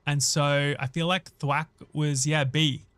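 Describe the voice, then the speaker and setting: A man's voice: fairly high pitch, steady tone, slow pace, fairly bright tone, clear, resonant tone, no echo. A man hosting a casual gaming livestream, thinking aloud and chatting conversationally with viewers as he gives his commentary. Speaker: live streamer and host.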